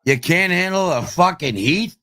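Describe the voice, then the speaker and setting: A man in a heated, profane livestream rant at online trolls, swinging between shouting and low growls. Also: lively intonation, moderate pace, dry recording. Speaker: streamer ranting at online trolls.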